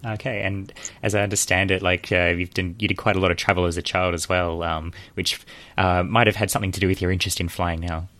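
A man's voice: sits low, level tone, fast, bright, forceful tone, no echo. A man hosting a casual interview and asking friendly questions. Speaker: podcast host, interviewer.

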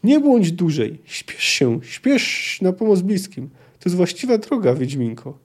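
A man's voice: big pitch swings, unhurried, a little mellow, breathy edge, exaggerated voice. A man reading aloud and voicing a young female sorceress, calling out with emphatic commands. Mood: urgent. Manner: raised pitch, emphatic calling out.

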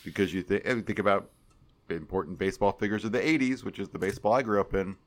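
Low-voiced man co-hosting a podcast. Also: quick pace. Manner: loose and opinionated, reads emails aloud with playful emphasis. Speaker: podcast co-host. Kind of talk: casual chat, reading listener emails.

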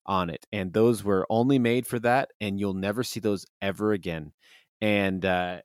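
A man's voice: fairly low pitch, no room sound, clean studio sound. A man who designs and publishes games, answering interview questions in a rambling, enthusiastic way with many fillers and restarts.

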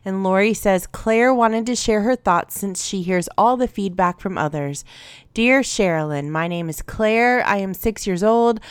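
A woman hosts a podcast and reads listener letters aloud with gentle encouragement. Her voice is smooth and resonant. The sound is dry and close, with no room around it. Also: medium pitch, measured pace, no echo. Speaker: podcast host. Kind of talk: reading listener reviews aloud.

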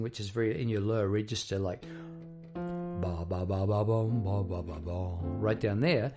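Croaky guy, gravelly fry in his voice, songwriter just chatting away, kinda halting and rambly. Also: mid-range voice, a little mellow. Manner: rambling and halting, repeats words. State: croaky voice after poor sleep. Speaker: songwriter and musician hosting a half-hour talk. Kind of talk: casual reflective monologue on songwriting.

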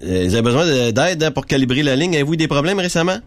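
A man's voice: fairly high pitch, racing, no echo. Quebec guy pranking on the phone, straight-faced fake official voice, dry sound. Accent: Quebec French. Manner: mock-official, deadpan. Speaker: prank caller.

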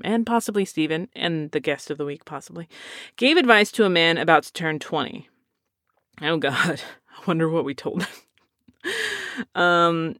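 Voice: mid-range voice, sharp tone, smooth, no room sound. Chatty podcast host in their thirties, dry sound. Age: 30s. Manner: chatty and self-deprecating, with loose tangents. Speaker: podcast host answering listener questions. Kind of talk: casual chat.

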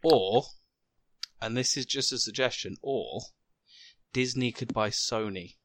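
A man's voice: medium pitch, measured pace, dry recording. A British man chatting casually as a podcast co-host, hesitant, with many ums and restarts. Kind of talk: casual chat about comics.

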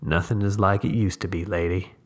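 A man's voice: sits low, fairly even intonation, a little fast. A man voicing a young one-armed drifter with a firm, nasal voice who talks in a preaching way in a story reading. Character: young one-armed tramp, composed, dissatisfied. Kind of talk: audiobook reading.

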